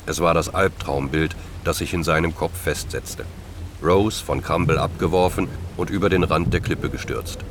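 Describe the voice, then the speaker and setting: Deep-voiced male audiobook narrator. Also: moderate pace, background noise. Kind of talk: scripted narration.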